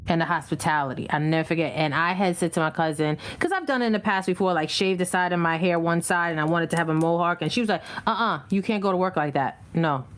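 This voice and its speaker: A woman co-host chats in a candid, animated way. She tells stories loosely and drops slang as she goes. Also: lowish voice, fast, few pauses. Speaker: podcast co-host. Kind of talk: casual chat.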